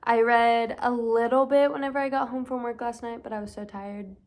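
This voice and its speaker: A woman's voice: a little high, fairly even intonation, a little fast, a little mellow, no echo, poor audio. A young woman in her twenties giving chatty, gushing reading updates in a casual vlog. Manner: gushing, chatty, lots of fillers. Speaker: book vlogger.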